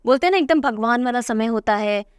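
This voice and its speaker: High-voiced chatty woman teacher. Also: animated, a little fast, smooth, dry recording, studio quality. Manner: chatty, teasing, repeats key names. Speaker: current affairs teacher. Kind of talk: exam-prep lesson.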